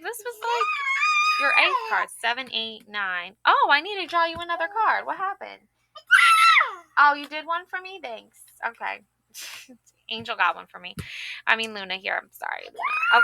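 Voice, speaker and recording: A woman giving a casual, chatty tarot reading, excitable and full of fillers and self-corrections. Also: on the high side, creaky, clean tone, dry recording. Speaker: tarot card reader.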